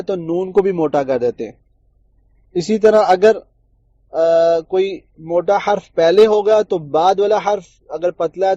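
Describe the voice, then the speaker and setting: This tajweed teacher's voice sits a little high and sounds mellow on a dry, lo-fi recording. During the Quran recitation lesson he walks through frequent errors before drawing out each example word in slow recitation.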